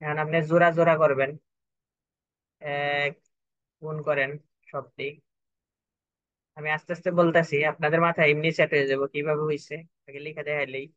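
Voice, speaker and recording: A young man teaches a math lesson, breaking each step down patiently and repeating himself to make sure students follow. His voice sits slightly high for a man. The recording is dry and dull, like a lo-fi online class. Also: level tone, moderate pace, long pauses, fairly bright tone, no echo. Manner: patient, repetitive, checks for understanding. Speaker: math tutor.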